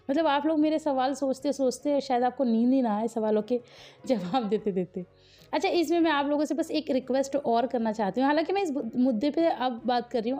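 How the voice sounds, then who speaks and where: Chatty higher-voiced woman vlogger. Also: mellow, lo-fi sound. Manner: chatty, talks straight to viewers, quizzes them. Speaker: family vlogger. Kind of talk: casual voice-over narration of a wedding vlog.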